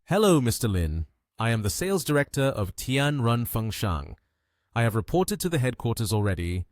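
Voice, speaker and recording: A man doing a bossy sales director in a storybook recap who keeps shouting people out of his way, his voice jumping up high and loud. the delivery is lively and animated, and the dry, close sound leaves no room echo around the voice. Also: moderate pace, lightly acted. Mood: deferential. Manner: shouting, brusque.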